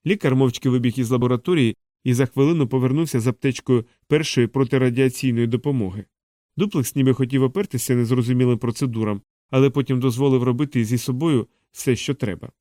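A man reads an audiobook in a measured, steady voice, close on a studio mic. His tone is dark and mellow. The recording is dry, with no room sound. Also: mid-range voice, no echo. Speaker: audiobook narrator. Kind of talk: scripted audiobook narration.

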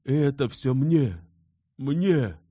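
A man's voice: low voice, measured pace, dark tone, dry recording, clean studio sound. A man playing an ardent, weakened young man. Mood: passionate. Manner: passionate, exclaiming.

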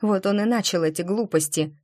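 A woman's voice: mid-range voice, fairly quick, darkish tone, close to an everyday voice. A woman voicing a flustered, shaken young female violinist.

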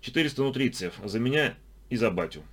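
A man's voice: medium pitch, expressive, fairly quick, a bit bright. A man voicing a skeptical, sarcastic male traveler in an audiobook, speaking bluntly and dryly. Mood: irritated. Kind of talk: audiobook character voice.

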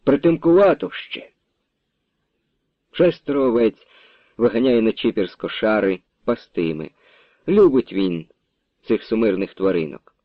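A man's voice: lowish voice, dry recording. Man reading a story on radio. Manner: measured, expressive reading. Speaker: narrator. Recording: dull dry radio recording.

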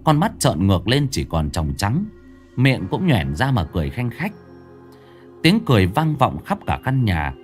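Male ghost story narrator, low voice, lively pitch swings, faint music underneath. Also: normal speed. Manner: expressive, swinging pitch for suspense.

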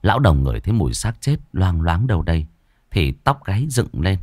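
A man narrating a ghost story in an expressive, dramatic reading. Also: sits low, a little fast, no room sound.

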